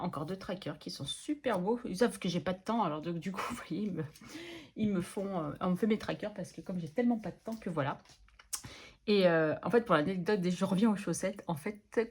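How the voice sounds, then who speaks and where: A middle-aged woman with a slightly husky voice talks casually to her viewers about budgeting. She is chatty and enthusiastic and laughs easily. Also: on the low side, darkish tone. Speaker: budgeting channel host. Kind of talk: casual chat to camera.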